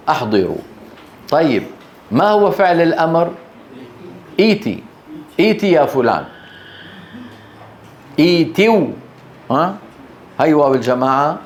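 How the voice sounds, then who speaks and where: A man's voice: fairly high pitch, a little mellow. A male Quran teacher, giving a classroom lesson and often prompting the class with short questions while drawing out recited words. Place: classroom, Grozny. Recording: echoey room, faint background hiss.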